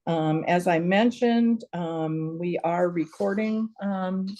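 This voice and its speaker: A woman hosts an online town hall from a video call, her voice sitting a little low. She talks in a loose, chatty way, full of fillers and restarts. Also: takes it slowly, dark tone, slight background noise. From not from Georgia. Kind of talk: casual welcoming over video call.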